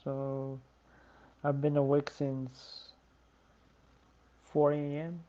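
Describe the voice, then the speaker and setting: A fan commentator calling a match live for a watch-along stream, tired and yawning, talking in a slow, low-key way. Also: monotone, mellow, lo-fi sound. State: sleepy.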